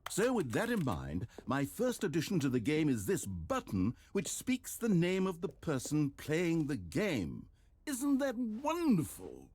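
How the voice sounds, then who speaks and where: Casting: smug, theatrical video game narrator, husky, wildly swinging pitch. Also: male voice, a little slow, dry recording, heavily acted. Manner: dry, mock-earnest, swings into exaggerated excitement.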